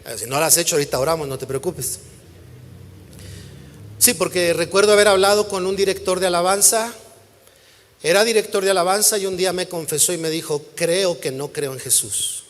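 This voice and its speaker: A man's voice: high voice, steady tone, a little fast, pauses often. A male pastor preaching a sermon, asking the congregation questions and acting out quoted voices. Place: church hall. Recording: long church hall reverb.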